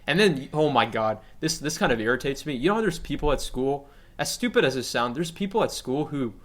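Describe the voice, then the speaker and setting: A man's voice: mid-range voice, fairly quick. Late-teens male podcast guest, mid-range voice, casual and profane, rambling storyteller. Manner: swears freely, rambling, animated storytelling. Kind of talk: casual chat.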